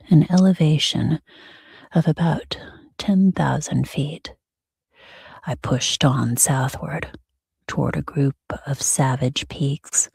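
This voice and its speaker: A woman reading as a sleep story narrator in a hushed, soothing, breathy ASMR whisper with soft pauses. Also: deep voice, dry recording, clean studio sound.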